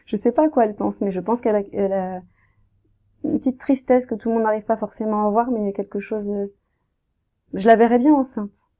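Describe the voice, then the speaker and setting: Soft-spoken mellow-voiced French-speaking woman. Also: medium pitch, fairly quick. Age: 30s. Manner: soft-spoken, hesitant, many fillers and restarts. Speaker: painter. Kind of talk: casual interview talk.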